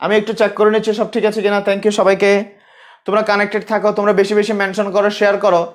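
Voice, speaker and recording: A man's voice: sits high, level tone, very fast. A man from Bangladesh teaching a live online biology class, talking casually, asking questions and answering them himself, repeating key points.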